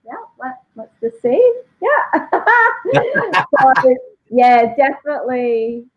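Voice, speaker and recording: A woman's voice: high voice, sing-song, takes it slowly. Aussie woman in her 30s, broad accent, chatty and jokey, thin phone-like call sound. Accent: broad Australian. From Australia. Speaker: interview guest. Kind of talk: casual chat. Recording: tinny phone-like video call.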